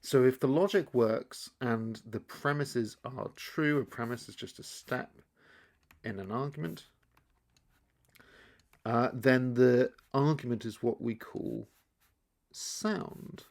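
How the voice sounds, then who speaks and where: A man explaining key terms in a relaxed lesson, thinking aloud as he draws and often restarting his sentences. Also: medium pitch, takes it slowly, gravelly, long pauses. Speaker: teacher. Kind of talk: explainer lesson while drawing.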